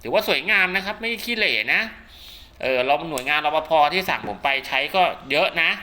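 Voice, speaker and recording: With a fairly high, lively voice and a slightly fast pace, a man presents products casually as a radio seller and channel host at home. He rambles, repeats himself, and drops polite tags frequently, while loud heavy rain sounds behind him.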